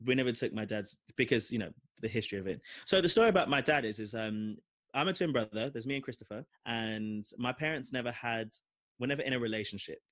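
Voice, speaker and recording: A man's voice: mid-range voice, quick pace. A young man from London with a London accent, telling a long personal story on a podcast with lots of fillers. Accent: London English. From London, England. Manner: rambling, animated storytelling with frequent fillers. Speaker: podcast co-host. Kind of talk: casual storytelling chat.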